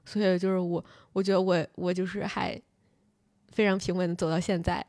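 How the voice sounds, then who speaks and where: A woman's voice: lowish voice, level tone, darkish tone, dry recording, studio quality. A young woman telling a story about school friends in casual podcast chat, full of fillers and restarts. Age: young adult. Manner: rapid storytelling with many fillers. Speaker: podcast host.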